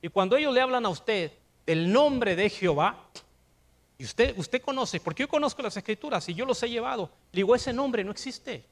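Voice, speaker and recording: An older man preaching a sermon in a Mexican accent, emphatic, with rhetorical questions and rising to shouts. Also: extremely high pitch, expressive, normal speed. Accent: Mexican Spanish. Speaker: pastor.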